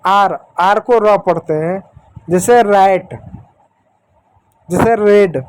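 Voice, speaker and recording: A man teaching English letter sounds to children, repeating each sound slowly and patiently and talking to the kids directly. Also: sits high, clean tone. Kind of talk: explanatory lesson.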